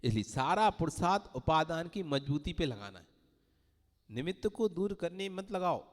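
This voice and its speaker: A man's voice: on the high side, animated, normal speed. A man giving a Hindi-language sermon as a Jain monk, telling parables and acting out the voices of the people in them. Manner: storytelling, acting out quoted voices. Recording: long hall reverb.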